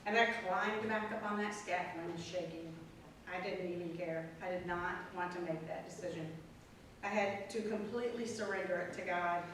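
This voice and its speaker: A woman telling her personal faith testimony as a guest speaker at a prayer group, earnest and storytelling, with emphatic pauses. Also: fairly low pitch, a bit bright. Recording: echoey room, mic far off, faint noise.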